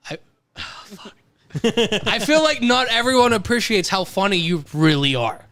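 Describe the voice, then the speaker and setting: A man's voice: high voice, big pitch swings, unhurried, a bit bright, no echo. A man hosting a casual podcast chat, talking in a loose, rambling way full of fillers. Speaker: podcast host.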